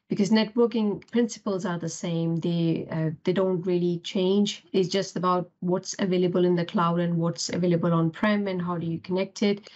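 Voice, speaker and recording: A woman's voice: lowish voice, a little mellow. A woman from Pakistan, a podcast guest reflecting earnestly on her upbringing and career in conversation. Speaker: podcast guest, cloud architect. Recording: dull lo-fi podcast audio.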